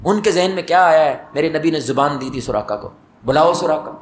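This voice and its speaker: A man preaches in a mosque hall, his fairly high, expressive voice echoing as he tells stories, questions the congregation, and climbs to emphatic rising peaks.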